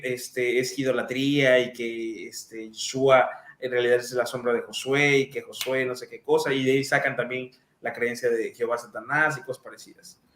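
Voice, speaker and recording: A man's voice: mid-range voice, a bit bright. Man hosting a roomy live Q&A. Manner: conversational, reads out comments, lots of fillers. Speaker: live-stream host answering viewer questions. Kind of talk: live-stream Q&A. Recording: roomy echo.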